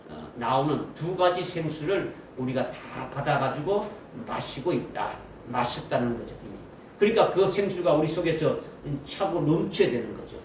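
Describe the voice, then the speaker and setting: A man's voice: on the high side, a little mellow. A man preaching a sermon as pastor, often asking the congregation questions and repeating key phrases. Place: church sanctuary. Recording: roomy echo from a distant mic with faint noise.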